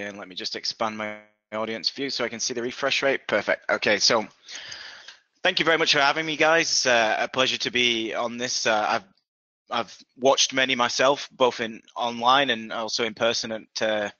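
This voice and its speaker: As a guest on a web call, a man from Yorkshire, England, in his thirties, gives a casual, talkative presentation full of self-deprecation. His Yorkshire English voice is medium-pitched, bright, and forceful at a normal speed, and the dry recording sounds muffled.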